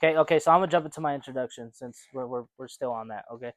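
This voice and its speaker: A young American man co-hosts a casual podcast chat, speaking in a mid-range voice at a racing pace. He rambles, filling his talk with fillers and restarts.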